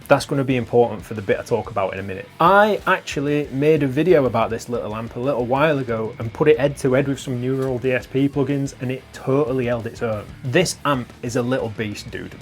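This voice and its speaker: Chatty british guy talking guitar gear. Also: mid-range voice. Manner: chatty, swears casually, laughs at his own jokes. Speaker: guitar channel host. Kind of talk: casual gear talk to camera.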